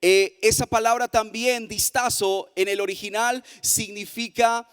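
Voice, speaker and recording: A man preaching a sermon as pastor, in a sing-song cadence that slows down for emphasis. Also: sits high, steady tone, fairly bright tone, clean tone, big-room sound. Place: church hall.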